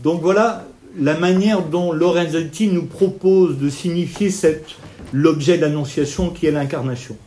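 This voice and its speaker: A man's voice: a little high, moderate pace, warm tone, a little hiss or hum. A man lecturing on art history at an evening talk, explaining paintings step by step while pointing out details and talking with his hands. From Italian family background.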